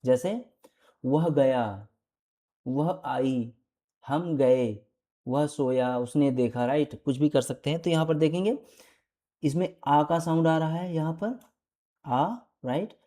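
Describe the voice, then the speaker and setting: A woman's voice: low-pitched, slow pace, long pauses, dark tone. A woman with an Indian accent teaching an online English grammar lesson, patiently asking and answering her own questions.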